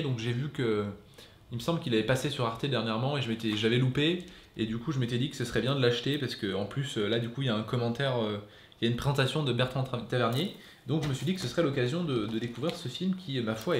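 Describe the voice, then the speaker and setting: A man talks casually about his purchases, stopping often to hesitate and restart. His voice sits in a middle range. The room around him gives back a clear echo. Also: mid-range voice, a little hiss or hum. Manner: hesitant, many fillers and restarts. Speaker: film collector vlogger. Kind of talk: casual chat.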